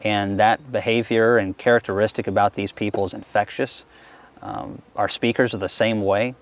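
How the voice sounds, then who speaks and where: A man with a fairly low voice answers interview questions in a casual, chatty way. He stays easygoing and enthusiastic as he talks through his work at an outdoor beehive. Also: steady tone, normal speed. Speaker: beekeeper being interviewed. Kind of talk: casual interview answers while working a hive.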